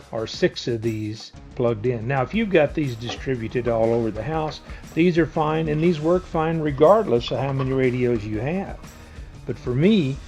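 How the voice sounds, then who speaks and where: A product reviewer with a mid-range, darkish voice gives a casual hands-on demonstration, explaining each step in a plainspoken way.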